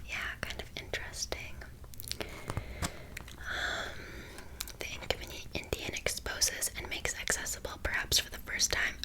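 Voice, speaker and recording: Woman's soft library whisper, whispered role-play. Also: low-quality recording. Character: helpful librarian recommending books. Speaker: ASMR host playing a librarian presenting books.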